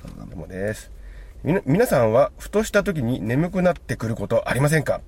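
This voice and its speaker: A man's voice: mid-range voice, very animated, a little fast, a little mellow, breathy edge. A man co-hosting a radio show, chatting casually and reading listener letters aloud with frequent chuckles. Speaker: radio co-host.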